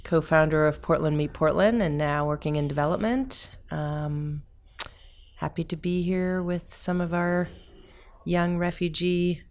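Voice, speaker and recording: A woman with a deep, low voice speaks in an interview as the co-founder of a community group. She explains its mission earnestly and in a relaxed, conversational way. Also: a little slow. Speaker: organization co-founder. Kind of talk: casual interview talk.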